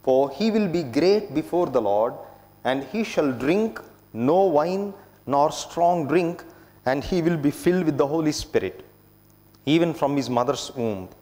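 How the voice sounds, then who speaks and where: Male priest, solemn formal liturgical reader, somewhat higher voice, long church echo. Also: expressive, mellow. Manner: measured, formal delivery. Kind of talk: solemn scripture reading at Mass. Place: inside a church at the lectern. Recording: echoing church with long reverb.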